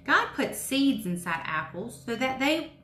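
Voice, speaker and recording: A Sunday school teacher hosts a devotional story time, addressing young listeners in simple phrases full of questions. She speaks unhurriedly, her pitch very animated. Recorded indoors in a home room with a brick wall and wood cabinets, her voice carries a roomy echo over faint background noise.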